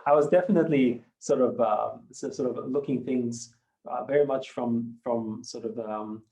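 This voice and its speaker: The guest, an Austrian native German speaker in his fifties who founded a company, takes a measured, reflective approach in this podcast interview and hedges frequently. He has a mellow, warm voice at a middle male pitch.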